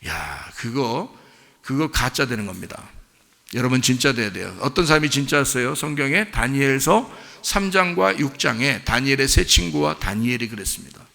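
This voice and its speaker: A male pastor preaching a sermon with animated delivery, sometimes acting out quoted friends in a low voice. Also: normal speed, gravelly. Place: church sanctuary. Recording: church hall reverb.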